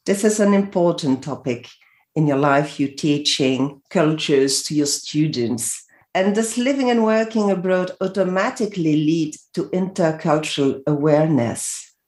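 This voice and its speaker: Host: woman, formal and measured, room echo on the voice. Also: sits low, lively intonation, darkish tone. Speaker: podcast host. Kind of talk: scripted intro and interview questions.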